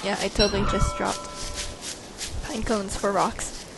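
A woman's voice: medium pitch, level tone, a little slow, vocal fry. A woman giving casual gameplay commentary at home, talking to herself with bemused exclamations. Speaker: let's play gamer. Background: loud game music.

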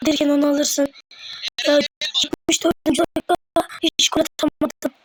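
High-voiced woman grumbling through gameplay. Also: flat delivery, normal speed. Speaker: gaming video creator. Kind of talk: casual reactions while playing a football game. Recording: faint background noise.

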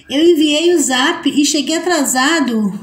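High-pitched chatty woman live streaming. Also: takes it slowly. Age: adult mother. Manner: chatty and affectionate, greets each viewer by name, laughs often. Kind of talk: casual live stream chat reading out viewer comments. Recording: roomy echo.

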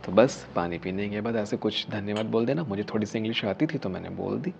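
This spiritual healer in his thirties talks briskly in a lowish, creaky, slightly mellow voice, earnestly explaining a method on a studio set with a dark curtain and a statue. He pushes key phrases with rising emphasis and drops to whispers, in lo-fi sound with slight background noise.

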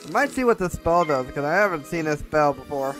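A man's voice: fairly high pitch, expressive, a little fast. A man giving casual commentary while playing a video game. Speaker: gamer narrating play. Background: game music.

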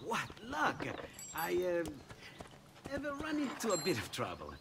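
An actor with an Italian accent playing an eager, inventive Italian man who talks with animated enthusiasm. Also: sits high, measured pace, vocal fry, full character voice. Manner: animated, breathless enthusiasm, rising to cries of alarm. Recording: game audio under noise.

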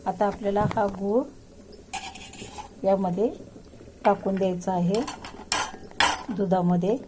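Woman calmly demonstrating a home recipe. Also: mid-range voice, slow pace, very noisy. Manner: calm step-by-step instructions to viewers. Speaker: cooking channel host. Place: home kitchen.

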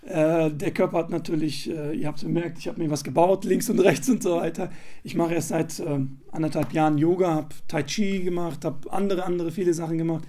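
A man's voice: fairly high pitch, fairly even intonation, fairly quick, warm tone. A man sharing his experience of a meditation retreat, hesitant and searching for words with frequent fillers. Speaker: retreat participant. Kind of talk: casual spoken testimonial.

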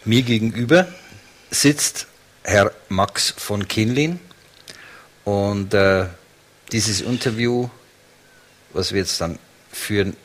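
A man's voice: lowish voice, fairly bright tone. A man introducing an interview guest, hesitant with fillers.

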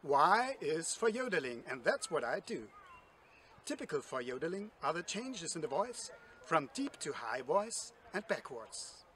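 A cheerful Austrian man in his forties speaks English slowly and plainly for young listeners. His voice sits high and swings up and down a lot. He stands outdoors at a forest edge, with a faint outdoor hush behind him. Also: sing-song, slight background noise. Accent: Austrian German. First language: German. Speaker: yodeling teacher for children. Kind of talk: friendly explanation with yodel demos.

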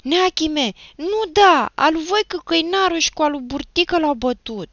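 A woman's voice: animated, creaky, fairly bright tone, dry recording, muffled recording, full character voice. Woman doing a scared pleading village boy. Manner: high, pleading, breathless. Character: frightened peasant boy, pleading.

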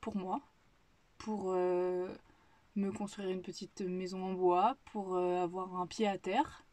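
A woman's voice: lowish voice, flat delivery, takes it slowly, mellow, no room sound. A young woman from the Paris region chatting casually to camera in her kitchen, thinking aloud with frequent restarts. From Paris region, France. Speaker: vlogger. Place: home kitchen, indoors.

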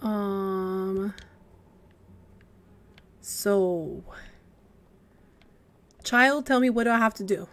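A woman's voice: mid-range voice, drawn-out words, long pauses. A young woman giving casual gameplay commentary, talking to the game characters in a jumpy, giggly way. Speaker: let's play gamer.

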